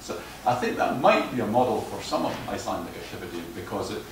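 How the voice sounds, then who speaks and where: A man lectures in a very low voice, picked up from far off in a reverberant hall. He hesitates and repeats words as he explains his points. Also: expressive, quick pace. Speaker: lecturer on footpath management. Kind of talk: lecture with audience questions. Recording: echoey hall, distant mic, noise.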